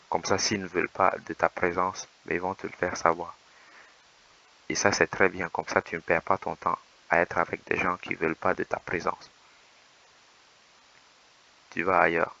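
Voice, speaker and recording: A man giving calm, measured voice-over commentary as a dating coach, explaining and reassuring. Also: low-pitched, gravelly, dull audio.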